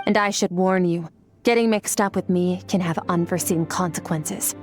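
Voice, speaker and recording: In video game voice acting, an actress with a lowish voice plays an aloof, cool-headed woman mentor from the Abyss. Lightly acted at normal speed over faint game music, she explains things calmly, curtly and without warmth.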